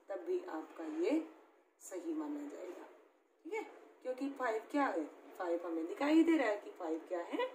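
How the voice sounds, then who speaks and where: A woman's voice: medium pitch, darkish tone. A woman teacher explaining math step by step, often checking in with her pupils. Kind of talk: classroom-style math lesson. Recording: echoey room with faint background noise.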